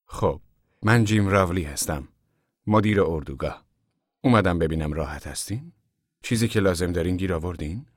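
Brief: male reader playing a cheerful, chatty little camp boss, low voice, dry sound. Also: long pauses, no echo. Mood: friendly. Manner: warm, friendly, chatty. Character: small, friendly, chatty camp manager. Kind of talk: audiobook character voice.

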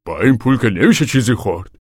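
A man's voice: medium pitch, animated, husky, no room sound, clean studio sound. An actor playing the worried father of a poor family, asking plain questions.

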